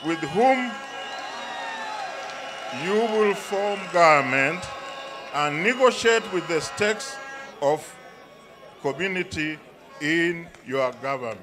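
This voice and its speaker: An older man reading formal resolutions at an outdoor stadium rally, deliberate and halting, into podium microphones. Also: on the high side, expressive, music in the background, crowd noise.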